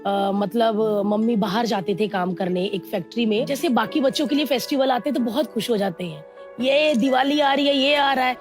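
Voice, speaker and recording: Woman interview guest from India, unhurried heartfelt storytelling, fairly high voice, faint music underneath. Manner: slow, earnest, mixing English words into Hindi.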